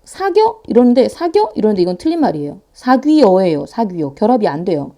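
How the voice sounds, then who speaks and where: A woman teaching a grammar lecture online in a playful, animated way, talking fast and sometimes acting out students' voices. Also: mid-range voice. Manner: talks fast to save time.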